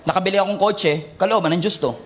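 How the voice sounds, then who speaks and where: A man, a pastor preaching a sermon in a mix of Tagalog and English, swinging from shouted points to low joking asides. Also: fast talker.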